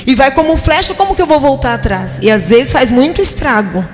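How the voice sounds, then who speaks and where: High-voiced Brazilian woman preaching in a hall. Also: animated, a little fast. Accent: Brazilian Portuguese. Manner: conversational preaching, frequent "né?" tag questions to the congregation. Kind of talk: sermon. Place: church hall. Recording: long hall reverb with faint music.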